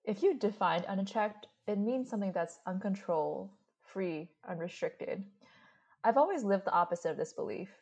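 A woman in her late twenties from Brooklyn reads a scripted podcast intro as co-host. Her voice sits at a middle pitch, and she speaks in a measured, reflective way. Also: animated, a little mellow, breathy edge. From Brooklyn, New York. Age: late 20s.

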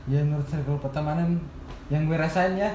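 A man's voice: a little high, a little fast, dark tone. A young man chatting casually on a podcast in Jakarta slang, dropping in English buddy words. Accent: Indonesian, Jakarta slang. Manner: slangy Jakarta-style youth talk, with gue and English words like guys and bro. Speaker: podcast guest co-host. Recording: echoey room with faint background noise.

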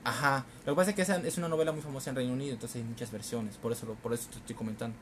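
A man's voice: mid-range voice, rapid-fire, slight background noise. A man with a Mexican Spanish accent, co-hosting a casual chat and animatedly retelling movie plots with slang. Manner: animated storyteller, acting out characters with swearing and laughter. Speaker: podcast co-host.

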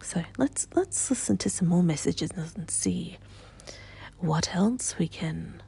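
A woman rambles casually through her solo podcast in a silly, playful way. Her voice is very husky and breathy, crackling with vocal fry, and she takes her time. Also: lowish voice, lively intonation, slow pace, warm tone. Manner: silly, playful, slips into little sung scat bits. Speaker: podcast host.

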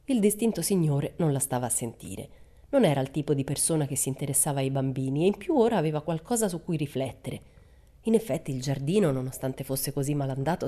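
A woman narrating a children's storybook in a measured, expressive way. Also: sits low. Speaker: audiobook narrator. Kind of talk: storybook reading.

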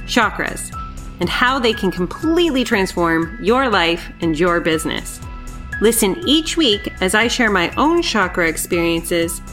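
A woman with a medium-pitched voice talks as a podcast host. Her delivery is effusive and informal, with emphatic phrasing in a conversational, storytelling monologue. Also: a bit bright.

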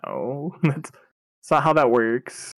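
A man's voice: medium pitch, wildly swooping pitch, slow pace, vocal fry, no echo, rough recording. Offhand young man, dry close sound. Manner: offhand, dismissive, wry. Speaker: podcast co-host. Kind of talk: casual chat.

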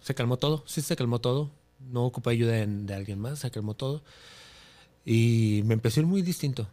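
A young man with a Mexican accent tells a personal story on a podcast. He talks in a lively way and acts out, with his own voice, the dialogue he remembers. His voice sits at a medium pitch. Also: brisk. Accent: Mexican Spanish. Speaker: podcast guest, influencer.

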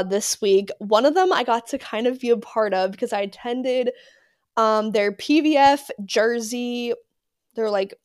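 A young woman hosting a casual solo podcast, excitable and gushing, with lots of fillers and repeated words. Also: a little high, no room sound, studio quality. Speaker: podcast host.

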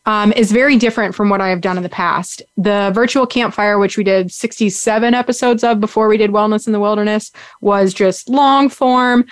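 This young adult podcast host, seated on the ground, speaks at medium pitch with no echo. She chats casually and cheerfully in a rambling recap, leaning heavily on "like" and "um."

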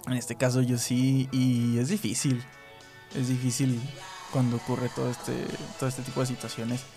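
A Mexican man hosts a podcast in a casual, chatty way, with a mid-range voice. He grows animated when he retells what others said. Faint background music sits under his voice in the booth. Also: mid-range voice, normal speed. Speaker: podcast host. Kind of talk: casual chat.

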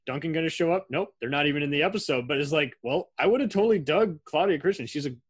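A man hosting a podcast in casual chat, relaxed and talkative, laughing often. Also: fairly high pitch, fast talker, breathy edge, dry recording. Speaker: podcast host.

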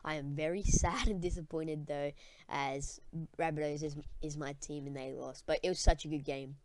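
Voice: mid-range voice, fairly even intonation, moderate pace, noisy background. A young student with an Australian accent hosting a casual sports chat podcast in matey, slangy talk. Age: teenager or young student. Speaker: podcast host.

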